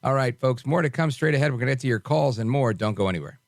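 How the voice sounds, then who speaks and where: A man's voice: mid-range voice, quick pace, no room sound. A man hosting a radio talk show in a conversational style.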